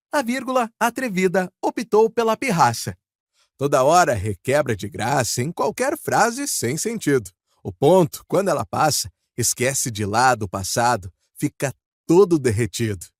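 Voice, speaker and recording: A man recites a rhyming poem with a lilting, expressive delivery. His voice swings widely up and down and sits a bit high for a man. The sound is close and dry, with no room echo. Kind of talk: poetry recitation.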